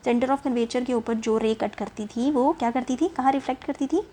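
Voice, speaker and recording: Woman teacher, fairly high and mellow, reads text slowly, then explains casually and checks in often, faint hiss. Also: fairly even intonation. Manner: mixes English textbook reading with chatty explanation, often asking "ठीक है?"; reads English passages slowly. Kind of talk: casual lesson.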